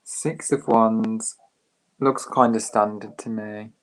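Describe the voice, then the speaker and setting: A man's voice: on the low side, steady tone, slow. A man co-hosting a casual live-stream chat over a video call, giggling often and apologizing. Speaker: tarot deck reviewer, co-host.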